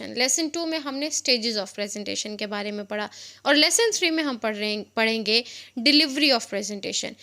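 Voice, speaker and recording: A woman teaching an English lesson, slowing down to read out each English phrase. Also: high voice, sharp tone. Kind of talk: classroom lesson.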